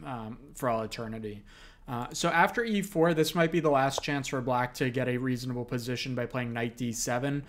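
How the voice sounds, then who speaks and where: A male chess commentator at a middling pitch talks through variations at an unhurried, explanatory clip. He breaks the analysis with small fillers as he goes. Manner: explains moves steadily with frequent fillers.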